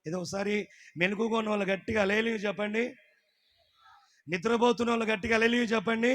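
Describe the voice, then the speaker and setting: A man preaching in call-and-response, leading the congregation to repeat lines. He swings from shouted peaks to quiet asides. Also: high voice, fairly even intonation, quick pace. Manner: repeats lines for the crowd to echo. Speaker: pastor.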